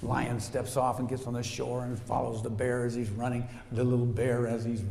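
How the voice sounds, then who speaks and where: Pastor preaching, tells stories big with sound effects, church hall echo all around. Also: male voice, medium pitch, moderate pace, vocal fry. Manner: animated storytelling with sound effects. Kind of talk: sermon. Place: church sanctuary.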